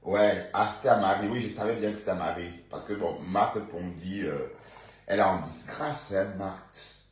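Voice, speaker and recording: Chatty Congolese man, low, echoey. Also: normal speed. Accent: Bandundu Congolese French. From Bandundu, Congo. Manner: chatty, rambling, with many fillers, asides to viewers. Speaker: live-stream commentator. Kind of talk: casual live-stream gossip commentary.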